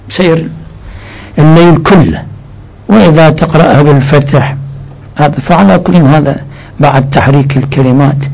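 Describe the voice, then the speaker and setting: Teaching jurisprudence in a seminary, this religious scholar works through his points one at a time and reads his sources out loud. He sounds high and creaky with a darkish tone, and the audio is poor.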